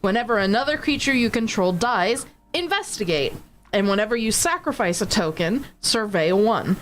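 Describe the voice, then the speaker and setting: A woman's voice: medium pitch, animated, moderate pace, soft background music. A woman co-hosting a card game stream in casual, playful chat, teasing her co-host. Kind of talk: casual chat while opening card packs.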